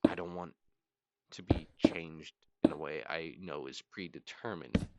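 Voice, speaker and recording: Weary man, very low creaky voice, slow and brooding solo ramble, clearly noisy recording with clicks. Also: fairly even intonation. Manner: weary, halting and brooding, trailing off. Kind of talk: late-night rambling solo monologue.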